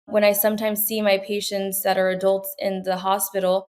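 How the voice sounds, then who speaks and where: A woman's voice: medium pitch, flat delivery, moderate pace, darkish tone. A young woman from Peru, a medical student, answering interview questions in an earnest, reflective way with frequent fillers and restarts.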